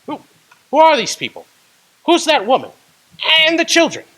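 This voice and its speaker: An actor playing old Ebenezer Scrooge in a radio drama, startled and questioning. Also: male voice, very high voice, wildly swooping pitch, moderate pace, fairly bright tone, exaggerated voice. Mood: wondering. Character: old miser Scrooge, male, wary and awed.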